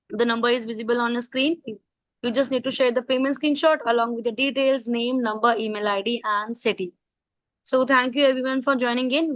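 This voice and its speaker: A woman's voice: fairly high pitch, no room sound. A woman with an Indian accent, a polite and businesslike online workshop coordinator making announcements to participants. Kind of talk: announcements of offers and thanks.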